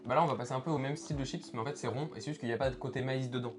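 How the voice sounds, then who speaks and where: Male co-host, casual slangy chat for food reviews, brisk pace, prominent background music. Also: mid-range voice. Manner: informal, slangy.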